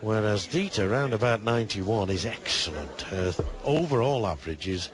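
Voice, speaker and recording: Lively-pitched male darts commentator over crowd. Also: moderate pace. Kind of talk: live sports commentary. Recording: busy crowd behind commentary.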